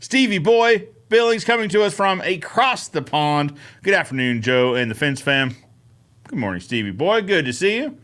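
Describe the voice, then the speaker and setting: A man's voice: on the high side, sing-song, normal speed, fairly bright tone. A man hosting a casual live-stream Q&A, upbeat and chatty, greeting viewers by name between answers. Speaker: host of a live Q&A show.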